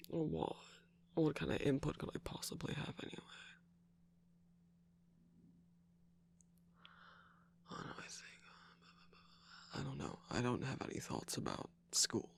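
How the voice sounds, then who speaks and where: A scheming male cookie jester brought to life by a performer murmurs close in an ASMR roleplay, with a hushed, breathy voice full of grit and fry. He swings his pitch up and down as he talks. He brushes things off with sighs and mocking little laughs. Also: huge pitch swings, moderate pace, heavily acted. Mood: defensive. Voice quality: breathy gravelly whisper. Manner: dismissive, teasing, evasive, with sighs and laughs.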